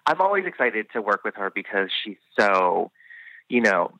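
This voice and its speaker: A man's voice: fairly low pitch, big pitch swings, normal speed, pushed and bright, no echo, dull audio. A man who works as a hairstylist, chatting enthusiastically as a podcast guest, full of "I mean" and "you know". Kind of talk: casual podcast interview chat.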